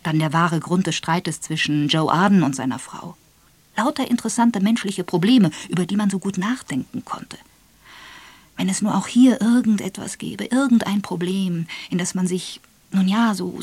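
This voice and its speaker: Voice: medium pitch, husky, no room sound. Brief: Vorleser eines Kriminalromans, ruhig und ausdrucksvoll, mittlere Tonlage, trockener Studioklang. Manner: measured, expressive storytelling. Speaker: audiobook narrator. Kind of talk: scripted narration.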